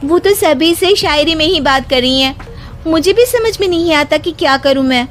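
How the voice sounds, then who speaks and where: A woman playing a sharp-witted young daughter-in-law with a pert, emphatic manner in a cartoon moral story. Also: high voice, lively intonation, moderate pace. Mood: concerned. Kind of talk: animated moral story dialogue. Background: background music.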